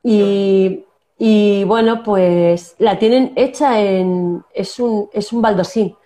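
In a mellow, mid-range voice and at a slow pace, an actress from Castilla-La Mancha, Spain, recounts stories during a casual interview. Her regional accent comes through, and she frequently restarts and uses fillers.

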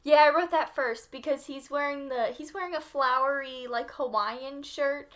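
Chatty woman co-hosting a podcast, high voice. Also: moderate pace, a bit bright. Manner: laughs often, chatty with many "like" fillers. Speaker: podcast co-host. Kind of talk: casual chat.

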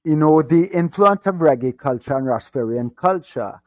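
Male guest from Trinidad and Tobago; reflective, soft-spoken, slightly high pitch. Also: lively intonation, normal speed. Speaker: interview guest. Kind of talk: conversational interview.

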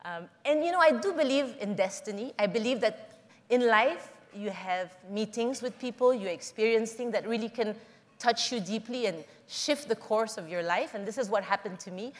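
A middle-aged woman from the Philippines giving an earnest, measured public talk, telling personal stories to an audience. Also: fairly high pitch, long reverb tail. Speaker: conference speaker.

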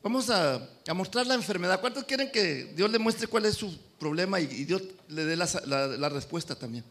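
A pastor preaching a sermon, swinging between loud and soft and calling out amen to the congregation. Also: male voice, high-pitched, lively intonation, normal speed. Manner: addresses congregation as brothers, calls amen.

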